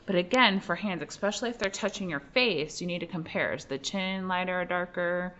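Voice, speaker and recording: Speaking at a slightly quick clip with a fairly low, somewhat bright voice, this young adult art teacher explains each stage of her drawing as she goes. Her casual demo is full of fillers. Sound is muffled lo-fi with a faint hum of the room.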